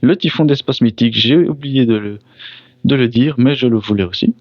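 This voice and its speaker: Cracking open trading card packs, this card pack opener calls out every card name in turn and stops briefly to react, apologizing for botching foreign names. It's casual commentary in a medium-pitched voice, recorded lo-fi with no echo.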